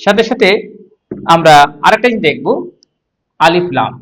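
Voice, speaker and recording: A man teaching Quran recitation in a class, explaining step by step and spelling out letters and vowel marks slowly. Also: high voice, sing-song, fairly bright tone, poor audio. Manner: explains step by step, asks the class and answers himself. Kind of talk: classroom lesson on tajweed.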